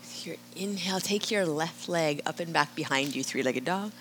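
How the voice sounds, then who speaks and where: Calm woman guiding a yoga class. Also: deep voice, moderate pace, a little hiss or hum. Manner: calm, cueing breath and movement, with rhetorical "right?". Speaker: yoga instructor.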